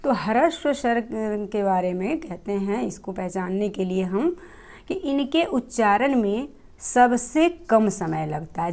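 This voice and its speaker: Mellow-voiced woman teaching a grammar lesson. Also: medium pitch. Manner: patient explaining, many fillers and rhetorical questions.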